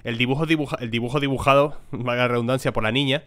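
A man's voice: mid-range voice, fairly even intonation, fast, a bit bright, clean tone. A man, giving casual let's-play commentary on a horror game, chatting to his viewers and swearing freely. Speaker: gaming YouTuber.

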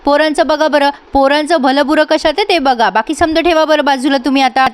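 A woman's voice: high voice, steady tone, fairly quick, no echo, lightly acted. A woman voicing a scheming older mother-in-law in a serial recap, with a wheedling, coaxing manner.

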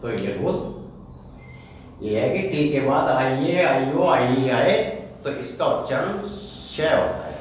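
एक पुरुष शिक्षक हिंदी में अंग्रेज़ी उच्चारण के नियम समझाता है, शब्दों को अक्षर-अक्षर करके सावधानी से बोलता है।. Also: male voice, medium pitch, animated. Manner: slow, careful, spells words out letter by letter. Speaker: English pronunciation teacher. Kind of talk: Hindi-medium pronunciation lesson. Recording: echoey room from a distant mic with faint background noise.

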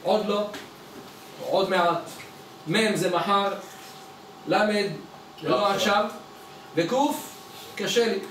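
A rabbi teaching a Torah lesson through stories, slipping into the voices of the people in them. His voice sits fairly high. He sounds echoey and set back from the mic, with a faint noise underneath. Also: pauses often, fairly bright tone, recorded from a distance. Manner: acts out dialogue in his stories with changing voices.

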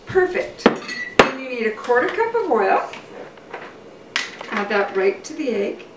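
A very animated middle-aged woman with a higher voice talks at a measured pace while cooking on her homemade show. She chats informally and explains each stage of the recipe in her home kitchen. Recorded on a camera mic a few metres away, the sound is roomy, distant, and noisy with kitchen clatter.

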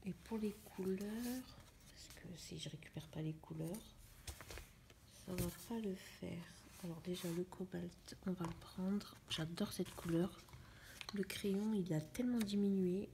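A young woman chatting in a casual coloring vlog, musing to herself in a soft, often half-whispered voice. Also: on the low side, a little slow, vocal fry, noisy background. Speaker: vlogger. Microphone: phone camera.

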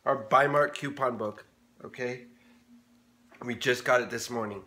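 A woman filming a casual home video, gushing with mock excitement, giggling often and playing up the joke. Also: rumbling low, unhurried. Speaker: parent vlogger. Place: home in the morning. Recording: roomy echo.

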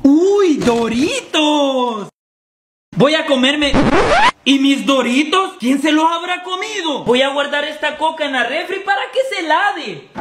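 A man doing comic sketches, jumping between silly voices with shouts and laughs. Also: very high-pitched, expressive, moderate pace, slight background noise. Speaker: comedy sketch creator. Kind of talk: comic sketches playing many characters. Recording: background music under the voice.

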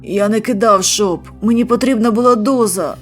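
A woman's voice: medium pitch, normal speed, faint music behind, close to an everyday voice. A woman voicing a skinny, unshaven young male addict who pleads and apologizes. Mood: pleading.

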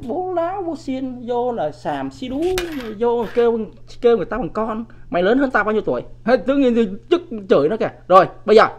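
A man's voice: high-pitched, highs cut off. Man in his fifties, livestream commentator, blunt and combative, rhetorical questions to viewers. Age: 50s. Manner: combative, scolds viewers in blunt coarse language; rhetorical, keeps asking the audience "right?".

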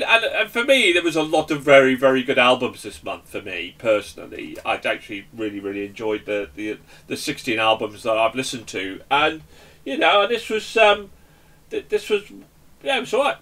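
A man's voice: mid-range voice, expressive, moderate pace, bright, forceful tone, distant mic. A man hosting a casual album review chat, jokey and rambling with lots of ums and restarts. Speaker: host of album review show.

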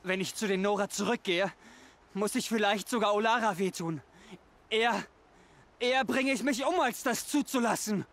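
Scared young game tribesman, way high voice, keeps repeating himself. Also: a bit bright. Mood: troubled. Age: young adult. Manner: pleading, halting, repeats himself. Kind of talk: video game dialogue.

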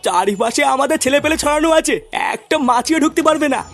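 A man's voice: very high-pitched, animated, fast talker, fairly bright tone, faint music behind, exaggerated voice. A man voicing a nervous, fawning henchman in a cartoon, stammering and placating his boss. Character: meek fawning male henchman. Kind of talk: cartoon voice acting.

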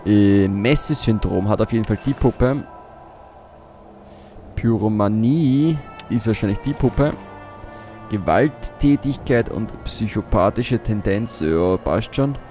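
A man's voice: fairly low pitch, slow, warm tone, soft background music. A man giving casual gameplay commentary as a let's play host, muttering to himself as he thinks aloud.

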